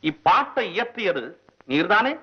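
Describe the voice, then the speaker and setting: A man's voice: high voice, big pitch swings, unhurried, husky, heavily acted. A man playing a stern, proud elder court poet in a 1960s Tamil film, speaking in formal, lofty, scolding lines. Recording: dull old film soundtrack.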